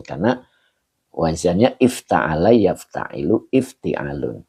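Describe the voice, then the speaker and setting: A man teaching an Islamic text in a livestream lesson. He explains Arabic words slowly and greets viewers by name from the comments, sounding slightly hoarse and clearing his throat now and then. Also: low-pitched, sing-song, a little mellow.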